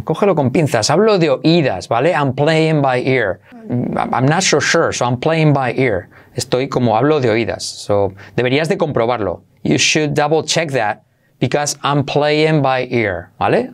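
A man hosting an English lesson, talking energetically and switching between Spanish and English, slowing down to repeat example phrases. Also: medium pitch. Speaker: English teacher hosting a channel. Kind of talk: bilingual English lesson, casual and upbeat.

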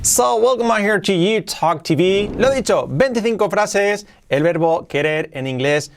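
A man's voice: high voice, expressive, creaky, loud music behind the voice. Spanish guy doing an english lesson, voice jumps up and down a lot, says each phrase over and over. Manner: explains step by step, repeats English phrases slowly. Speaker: English teacher. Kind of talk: video lesson for Spanish speakers.

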